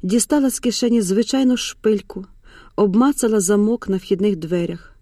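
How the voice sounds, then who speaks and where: A woman narrates an audiobook in a hushed, measured storytelling voice of medium pitch. She was recorded close on a studio mic, with no room sound.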